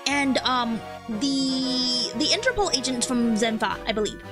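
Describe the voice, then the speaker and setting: A woman's voice: high-pitched, expressive, unhurried. A woman streaming a game, chatting casually and reacting aloud in an exclamatory, giggly way. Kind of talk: casual gaming commentary. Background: faint game music.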